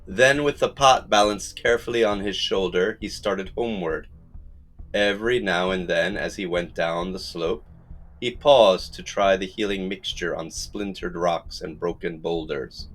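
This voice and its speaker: A man narrating a folktale audiobook in a measured storytelling manner. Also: deep voice, a bit bright, faint music behind. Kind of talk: scripted narration.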